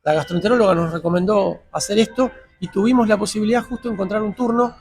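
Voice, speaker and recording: Argentine man, father telling an emotional story, high gravelly voice, replays the dialogue. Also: fast, a little mellow, faint music behind. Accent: Argentine Spanish. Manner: retells dialogue in quoted voices, tense. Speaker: interviewee, father. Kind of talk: emotional personal account.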